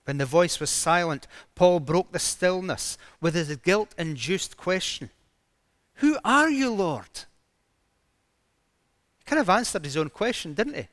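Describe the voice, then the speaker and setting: A man's voice: a little high, normal speed, dry recording. A man preaching a sermon, retelling a story dramatically with emphatic rises in his voice.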